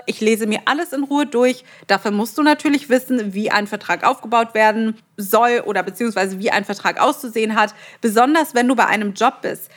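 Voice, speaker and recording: Young woman podcast host, bit high voice, firm and direct, keeps repeating her warnings. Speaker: podcast host and model trainer. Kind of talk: advice podcast monologue.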